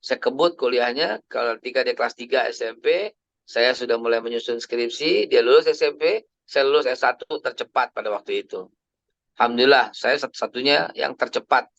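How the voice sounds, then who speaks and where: Gravelly preacher in his fifties. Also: medium pitch, a little fast, a bit bright, no echo. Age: 50s. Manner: chatty, storytelling, sprinkles English phrases. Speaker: Islamic preacher. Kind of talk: casual family sermon. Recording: dry, slightly dull lo-fi recording.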